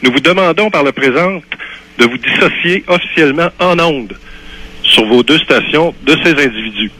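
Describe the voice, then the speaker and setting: A man's voice: fairly high pitch, lively intonation, normal speed, sharp tone, rough recording. A man in his fifties with a Québécois French accent, calling into a radio show and reading a formal statement with hesitant restarts. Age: 50s. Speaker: caller. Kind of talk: phone call into a radio show.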